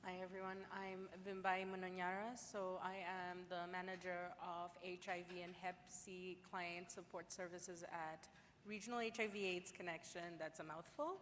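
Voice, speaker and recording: A woman's voice: fairly low pitch, flat delivery, moderate pace, a bit bright, slight background noise. A woman from Zimbabwe, a support services manager, introducing herself on a panel in a heartfelt, personal way. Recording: reverberant hall with faint ambience.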